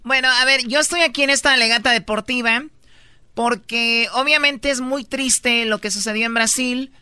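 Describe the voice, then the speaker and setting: A woman co-host with a bright, smooth voice chats quickly and reads a news report aloud. The studio sound is dry and close. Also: on the high side, fairly even intonation, no echo. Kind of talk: casual radio show chat and reading news aloud.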